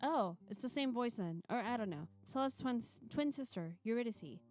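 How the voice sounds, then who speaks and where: A woman's slightly high, slightly mellow voice carries expressive intonation at a normal speed. She's live streaming, joking at her own expense and reading a visual novel aloud with feeling, blending chat and narration. Music plays in the background.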